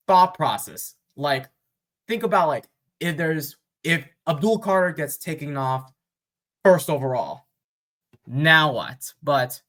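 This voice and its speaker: A man hosting a sports fan vlog, thinking aloud in casual, unscripted commentary with pauses and fillers. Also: on the high side, fairly bright tone. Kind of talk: casual mock draft commentary.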